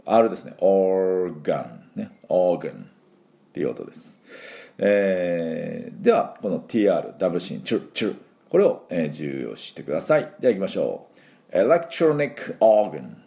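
A man with a low, gravelly voice teaches English pronunciation, sounding out each syllable for his listeners to repeat. His tone is dark and mellow, and his pitch swings widely as he demonstrates the sounds. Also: very animated, fairly quick. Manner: drills sounds aloud, has listeners repeat after him; chatty and encouraging, with filler words. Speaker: English school principal and teacher.

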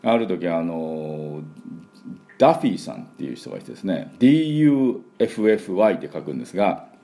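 A man teaching English pronunciation in a spoken lesson, demonstrating sounds and drilling words slowly for the listener to repeat. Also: low-pitched, big pitch swings, warm tone.

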